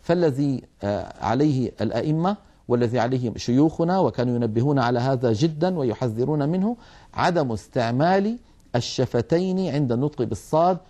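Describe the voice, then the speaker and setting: Male tajweed teacher, warm mellow voice, patient explanatory delivery. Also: fairly high pitch, expressive. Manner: measured, demonstrates sounds slowly. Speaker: Quran recitation teacher. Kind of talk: explanatory lesson on letter pronunciation.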